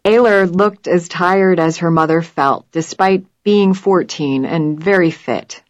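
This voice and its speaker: A woman narrating an audiobook in a measured, even storytelling manner. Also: lowish voice, dry recording, highs cut off. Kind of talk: scripted narration.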